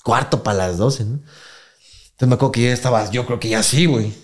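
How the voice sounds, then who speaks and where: A man's voice: mid-range voice, a little fast. A young man with a Mexican Spanish accent, casually telling a story on a podcast in heavy slang and acting out the voices of people in it. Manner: slangy, acts out quoted voices, laughs often. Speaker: podcast co-host.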